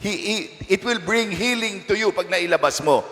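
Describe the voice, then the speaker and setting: A man's voice: sits high, expressive, normal speed, fairly bright tone. A male parish priest giving a conversational homily in a church, teasing his listeners and asking them frequent rhetorical questions. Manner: playful, teasing asides. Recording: long church reverb.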